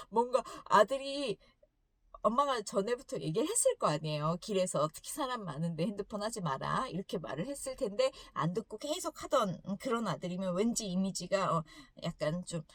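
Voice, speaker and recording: A woman hosting a casual English lesson, her pitch rising and falling freely as she tells a story. She laughs often between sentences, and the sound is close and dry with no room echo. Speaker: English teacher and host.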